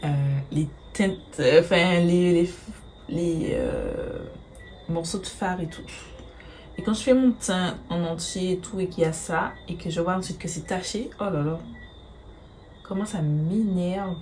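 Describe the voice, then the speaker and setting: Woman talking thru her makeup, lots of euhs, a bit low, faint hiss behind. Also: big pitch swings, a little slow, a little mellow. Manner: chatty, hesitant with many fillers, swears casually. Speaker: beauty vlogger. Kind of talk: casual makeup tutorial chat.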